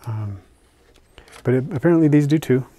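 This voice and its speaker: A relaxed, chatty older man narrates a casual hobby vlog, unboxing isopod purchases indoors at a table with his hands on camera. His medium-pitched voice moves at a moderate pace with dry, close sound and no room sound, sprinkled with fillers and soft asides.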